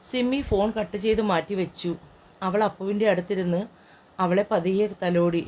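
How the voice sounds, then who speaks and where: A woman narrates a romantic novel in a measured, emotional storytelling voice. Her pitch sits in the middle range. A faint noise stays in the background. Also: darkish tone. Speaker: audiobook narrator.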